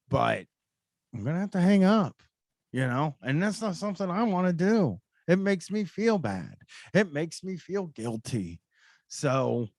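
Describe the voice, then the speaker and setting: A man's voice: a little high, no room sound, studio quality. An American man hosting a call-in show, talking in a casual, rambling, informal way with some swearing.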